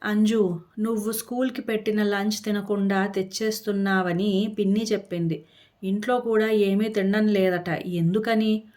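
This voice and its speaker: A woman storyteller voicing a middle-aged father who speaks softly and evasively to his daughter. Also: mid-range voice, fairly even intonation, normal speed, natural voice. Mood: evasive, firm. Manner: soft fatherly coaxing, evasive. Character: worried widowed father, middle-aged man.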